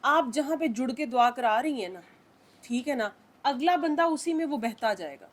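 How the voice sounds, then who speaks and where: High-voiced woman coaching, always checking in. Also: animated, a little hiss or hum. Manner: instructive, checks in with "theek hai?" constantly. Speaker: spiritual group leader. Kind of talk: coaching in a group session.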